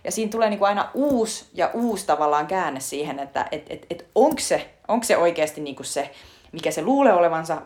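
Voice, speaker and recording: A woman's voice: low voice, darkish tone. A woman in casual chat, eagerly retelling film scenes with many fillers. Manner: chatty retelling full of fillers, breaks into laughter. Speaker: podcast co-host discussing a film.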